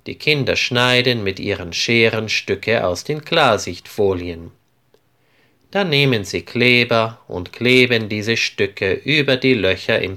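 Slow, clearly spoken male storyteller. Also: lowish voice, bright, forceful tone. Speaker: narrator. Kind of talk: storybook narration for language learners.

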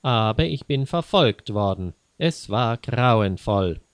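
A man's voice: on the low side, animated, takes it slowly, no echo, studio quality. A man voicing a timid, easily offended young man in a read-aloud story. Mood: indignant. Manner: fearful, indignant.

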